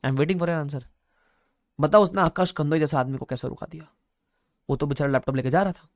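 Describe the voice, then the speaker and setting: A young man teaching a live class, telling a playful story and acting out loud bits of dialogue. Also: on the high side, brisk, no echo, clean studio sound. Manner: playful storytelling, acts out shopkeeper dialogue loudly. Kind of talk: live online class lecture.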